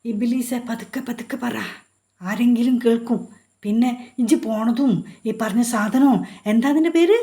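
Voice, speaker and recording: A woman's voice: on the high side, normal speed, warm tone, natural voice. A woman putting on a fretful old grandmother. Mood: anxious. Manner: fretful, scolding, gullible. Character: fussy, forgetful old village grandmother.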